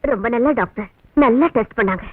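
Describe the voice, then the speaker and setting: Coy pregnant young woman, high breathy voice, pleading, lo-fi dry film sound. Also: fast, dry recording. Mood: bashful. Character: young man disguised as a shy pregnant young woman. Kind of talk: comic film dialogue.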